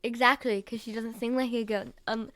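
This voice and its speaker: A woman's voice: fairly high pitch, fairly even intonation, normal speed, a bit bright. A woman co-hosting a podcast in casual chat, playful and teasing, often giggling. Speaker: podcast co-host.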